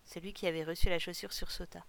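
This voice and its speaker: A woman reads a novel aloud in a calm, steady way. Her voice is low and gravelly, and it barely rises or falls. The delivery is that of an audiobook. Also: fast talker. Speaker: narrator reading a novel. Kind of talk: audiobook reading.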